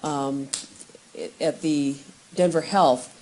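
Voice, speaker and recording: A woman prosecutor cross-examining a witness in measured, formal questions, heard on a courtroom recording. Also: low voice, mellow, a little hiss or hum, rough recording. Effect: courtroom audio recording.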